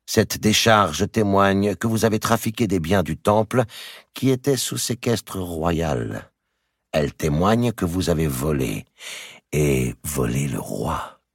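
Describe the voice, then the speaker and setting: A man voicing a cold, shrewd merchant, deep and gravelly. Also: no echo, exaggerated voice. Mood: cold, calculating. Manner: measured, deliberate, calmly menacing. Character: cold shrewd middle-aged male merchant. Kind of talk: audiobook character reading. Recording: dry close recording.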